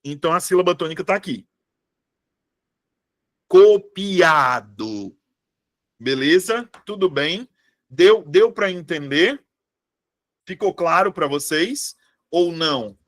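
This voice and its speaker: A man teaches a live online class. His voice sits a little high for a man, and he keeps up a chatty, informal tone. He checks in with his viewers often as he talks. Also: animated, measured pace, a bit bright. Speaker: online exam-prep teacher.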